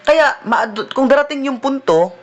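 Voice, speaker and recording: Preacher guy, pretty high voice, chatty sermon style w/ lots of "no?". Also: expressive, measured pace, highs cut off. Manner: conversational preaching, mixing in English phrases, frequent "no?" tag questions. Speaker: deliverance minister, preacher.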